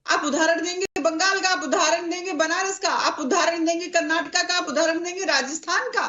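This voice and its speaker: A woman party spokesperson pressing her case in a televised debate, her voice high and bright. She argues hard, stacking rhetorical questions and repeating one phrase after another. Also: brisk. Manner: forceful, rhetorical, lists repeated examples.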